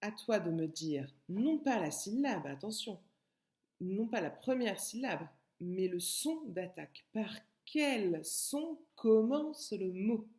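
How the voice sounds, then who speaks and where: Slow, patient woman teaching phonics. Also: mid-range voice, animated, darkish tone. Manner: slow, patient, repeats and stretches sounds. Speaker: kindergarten teacher. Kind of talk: remote phonics lesson for a young child.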